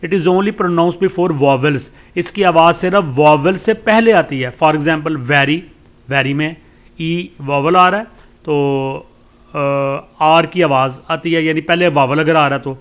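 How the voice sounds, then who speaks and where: Slow-reading Pakistani male teacher with fillers. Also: a little high, a bit bright. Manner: reads English lines slowly, then explains them in Urdu with many fillers. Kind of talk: lecture explaining a course text.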